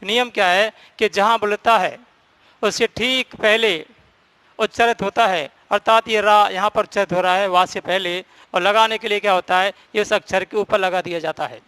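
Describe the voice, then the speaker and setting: Bright, clear-voiced male Hindi teacher. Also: sits high, moderate pace, dry recording. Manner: explains step by step, repeats and stresses key points. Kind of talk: classroom grammar lesson.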